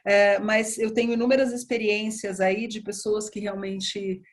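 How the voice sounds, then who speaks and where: A woman surgeon, talking in a relaxed interview and acting out past conversations as she tells them. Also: mid-range voice, unhurried. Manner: animated storytelling, acts out dialogue. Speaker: breast surgeon guest.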